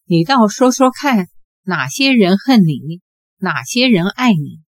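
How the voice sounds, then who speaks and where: A woman's voice: mid-range voice, lively intonation, a little slow, no echo. Woman reading as a cold aloof young woman. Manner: cool, curt, dismissive. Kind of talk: audiobook character voice.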